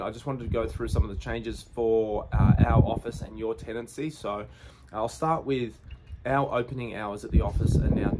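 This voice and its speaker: A man in his forties with an Australian accent and a lowish voice, who owns a real estate agency, gives a plain, reassuring business update straight to camera from beside his brick house outdoors. He talks loosely, with fillers and restarts. The audio, captured close up on a phone or camera, is very noisy.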